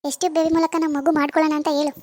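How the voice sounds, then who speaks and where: Give me a woman playing an anxious cartoon mother who pleads and soothes, high and quick. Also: flat delivery, darkish tone, natural voice. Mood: pleading. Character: wealthy worried mother, middle-aged woman. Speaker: mother consoling her daughter. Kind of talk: cartoon voice acting.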